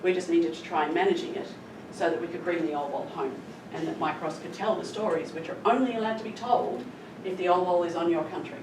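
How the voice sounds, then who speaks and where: A middle-aged woman with a slightly low voice gives an earnest, emphatic talk, explaining and storytelling as she goes. She is recorded from a distance in a roomy, echoey space. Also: a little fast, hardly any pauses. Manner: earnest, emphatic with stressed adverbs. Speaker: conservation scientist presenting. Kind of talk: public presentation, explanatory storytelling. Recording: roomy echo, distant mic, clear background noise.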